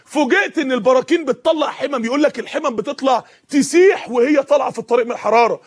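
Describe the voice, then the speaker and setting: A man's voice: extremely high pitch, racing. A man preaching a sermon with an Egyptian Arabic accent, impassioned and full of rhetorical questions.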